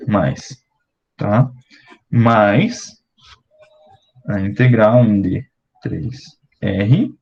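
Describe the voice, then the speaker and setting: Young brazilian guy going thru a problem really slow, mid pitch, kinda muffled audio. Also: darkish tone, slightly rough. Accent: Brazilian Portuguese. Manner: slow, step-by-step, with many fillers and check-ins. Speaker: teaching assistant. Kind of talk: explaining exercises at a board.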